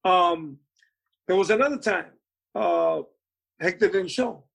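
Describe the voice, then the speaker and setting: Recalling his time in a band during a storytelling interview, this man rambles, restarting sentences and leaning on "you know." He speaks slowly in a high, gravelly voice that is a bit bright and slightly rough.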